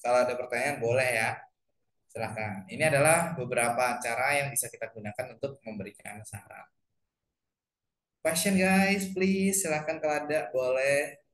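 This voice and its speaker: An English teacher explains sentence patterns to his class over a video call, translating each example as he goes. His voice sits at an ordinary middle pitch for a man. The room around him is noticeably echoey. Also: normal speed, a bit bright. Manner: asks learners for questions in a friendly way. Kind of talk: online English lesson.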